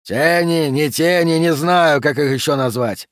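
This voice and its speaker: A man voicing a proud, blunt barbarian warrior in an audiobook, with a loud, gruff, raised voice. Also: a little high, measured pace, no room sound, clean studio sound, natural voice. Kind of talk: audiobook character voice.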